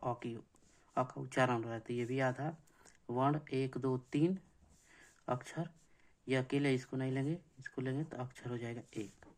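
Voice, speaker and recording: A man teaching an exam-prep grammar lesson, slow and repetitive, counting things out and asking checking questions. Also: medium pitch, a little mellow.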